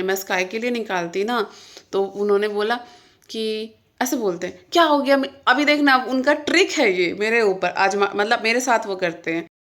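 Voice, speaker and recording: A woman's voice: medium pitch, fairly bright tone. A young woman vlogger, talking casually to camera and venting, earnest and emphatic as she retells a fight. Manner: frustrated, venting. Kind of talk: casual vlog talk to camera.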